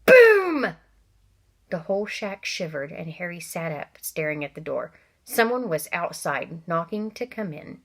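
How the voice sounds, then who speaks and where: A female teacher reads a novel aloud to children, expressive and pausing for asides to her young listeners. Her voice sits on the low side and she takes her time.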